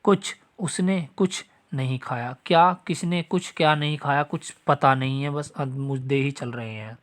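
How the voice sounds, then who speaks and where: At a measured pace, a man with a mid-range voice teaches a Hindi grammar lesson aimed at exam preparation. He speaks directly to his students, repeats the example sentences, and checks that they are following.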